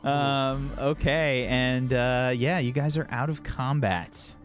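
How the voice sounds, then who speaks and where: A man narrating a tabletop game as game master, casual and halting as he searches for words. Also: mid-range voice, soft background music.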